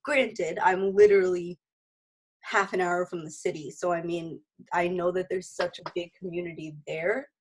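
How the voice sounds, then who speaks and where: A woman's voice: on the low side, steady tone, normal speed, a little hiss or hum, low-quality recording. A woman in her twenties chatting casually in a group introduction, with a speech impediment that makes her say w for r and a chatty, like-peppered way of talking. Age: 20s. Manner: chatty, frequent "like". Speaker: physical therapy student.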